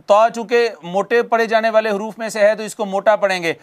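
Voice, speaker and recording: A man's voice: sits high, fairly even intonation, fairly quick. A man teaching a tajweed lesson, patiently explaining pronunciation and drawing out recited words for students to repeat. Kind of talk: slow spoken tajweed lesson with recited examples.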